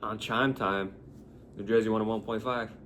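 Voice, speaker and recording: Low-voiced man co-host, relaxed profane banter, faint background hum. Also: moderate pace. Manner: laid-back, profane banter. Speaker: podcast co-host. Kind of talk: casual chat.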